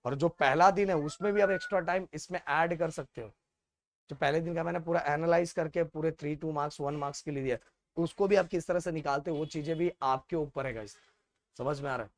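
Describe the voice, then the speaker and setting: A man's voice: on the high side, a little fast, dry recording. A man coaching students for exams, emphatic, repeating key phrases and often checking that they follow. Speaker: teacher. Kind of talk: exam strategy talk to students.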